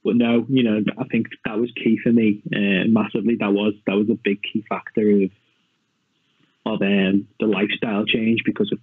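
A man's voice: fairly low pitch, level tone, moderate pace, husky, dry recording. A chatty man on a tinny line. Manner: chatty, self-mocking, lots of fillers. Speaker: podcast guest, personal training client. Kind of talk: casual chat. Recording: tinny phone-like line, dry.

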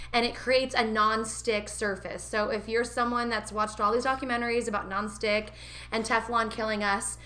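A woman's voice: a little high, fairly bright tone. A woman co-hosting a casual chat, giggly and talkative, recommending kitchen gear from a home kitchen. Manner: chatty, giggly, recommends products. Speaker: podcast co-host.

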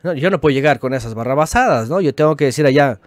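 A middle-aged man with a Mexican Spanish accent hosts a religious teaching stream, talking in a lively, teasing way and laughing with his viewers. His voice sits a little high for a man. The sound is close and dry, with no room echo. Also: fast. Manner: animated, mocking imitations of opponents, frequent tag questions; laughs often, joking with viewers. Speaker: religious podcast host. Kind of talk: live-streamed teaching talk with chat.

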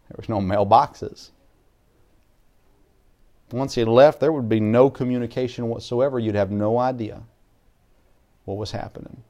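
A male pastor delivers a sermon in an earnest, unpolished way, stumbling over restarts as he goes. His mid-range voice swings between loud, stressed lines and soft, low asides. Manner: earnest preaching with frequent restarts, shifting between loud emphasis and quiet asides.

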